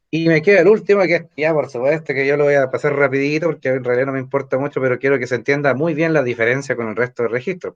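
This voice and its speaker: A man's voice: mid-range voice, lo-fi sound. A man with a Chilean accent, teaching an online evening language class and explaining with rhetorical questions and tag questions. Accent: Chilean Spanish. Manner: explanatory, asks rhetorical questions, frequent "¿ah?" tags. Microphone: computer or phone mic on a video call.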